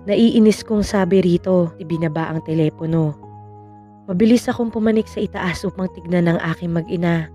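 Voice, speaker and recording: Mellow woman narrating a horror story. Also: fairly low pitch. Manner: calm, measured first-person telling.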